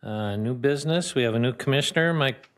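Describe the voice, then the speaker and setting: Man, mid pitch, chairs a council-chamber meeting, plain procedural delivery with small halts. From Minnesota. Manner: plain, procedural, slightly halting.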